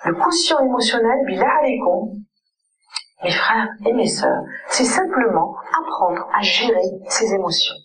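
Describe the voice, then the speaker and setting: A woman's voice: a little high, expressive, measured pace, a bit bright, low-quality recording. A woman child psychologist giving an earnest conference lecture and often checking in with her audience.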